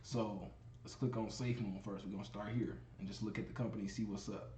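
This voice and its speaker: A man's voice: fairly low pitch, fairly even intonation, brisk, dark tone. A man hosting a casual crypto video, chatting to viewers as he scrolls through web pages. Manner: conversational, addresses viewers as y'all, repeats "you know what I'm saying". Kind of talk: casual screen-share commentary. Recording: echoey room, faint ambient noise.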